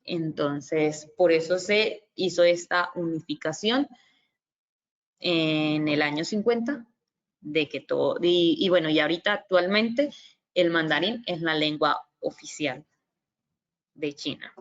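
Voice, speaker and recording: A woman's voice: low-pitched, takes it slowly. A woman giving a virtual lecture on Mandarin basics, explaining patiently with frequent fillers and sounding out example syllables. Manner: models tones by sounding syllables. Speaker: Mandarin language presenter. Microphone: computer microphone on a video call. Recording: slightly dull lo-fi audio.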